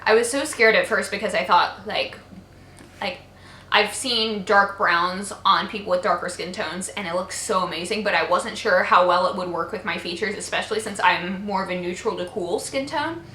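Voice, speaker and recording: A woman's voice: mid-range voice, moderate pace, sharp tone, a little hiss or hum. A young woman talking casually in a makeup favorites vlog, chatty and gushing, with many fillers. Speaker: beauty vlogger. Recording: echoey room.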